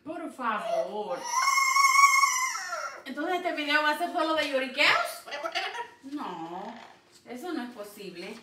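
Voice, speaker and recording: A woman's voice: high-pitched, big pitch swings, takes it slowly, long pauses, far from the mic. Woman baby-talking her parrots, echoey room. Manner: coaxing baby talk to the birds. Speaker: pet parrot channel host. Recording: echoey room, away from mic, noisy.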